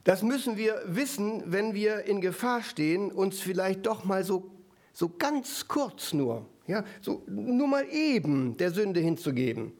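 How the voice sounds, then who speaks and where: Ein Mann predigt mit auffallend hoher Stimme lebhaft und im Plauderton. Er wendet sich immer wieder mit kurzen Rückfragen ans Publikum. Dabei wechselt er zwischen schnellem Reden und langsamer Betonung. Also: male voice, high-pitched, unhurried. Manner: lively, conversational, with frequent asides to the audience. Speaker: preacher. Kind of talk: sermon.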